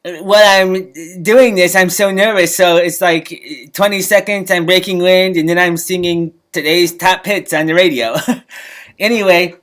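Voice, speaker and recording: A man's voice: sits high, steady tone, normal speed, a bit bright. Awkward guy rambling thru a funny story, stumbles and repeats himself, giggles a lot. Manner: giggly, chuckles often between phrases. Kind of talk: comedic storytelling to camera.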